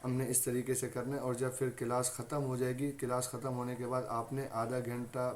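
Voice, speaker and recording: A man's voice: mid-range voice, little pitch movement, a little fast, slight background noise. A man with a Pakistani Urdu accent teaching a Quran recitation lesson, patiently repeating each point and saying letters aloud as examples.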